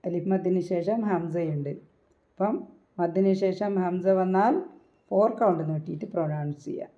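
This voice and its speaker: A woman teaching a recitation lesson in Malayalam, patiently repeating syllables slowly to demonstrate the sounds. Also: fairly low pitch, warm tone, muffled recording.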